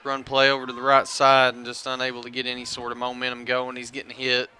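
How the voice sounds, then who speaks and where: A man doing color commentary on a high school football game, relaxed and chatty, often tossing in "man". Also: fast talker, a crowd in the background.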